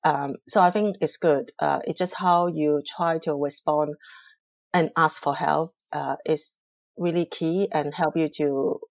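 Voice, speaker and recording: Speaking low and steadily, a middle-aged public relations professional from Hong Kong responds to interview questions thoughtfully, with many pauses and fillers. The recording has no room sound.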